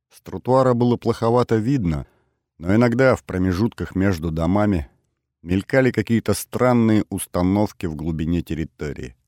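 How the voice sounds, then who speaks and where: A man with a very low, dark voice reads a first-person adventure audiobook. His delivery stays even and matter-of-fact. The recording is dry and close. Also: no echo. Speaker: audiobook narrator.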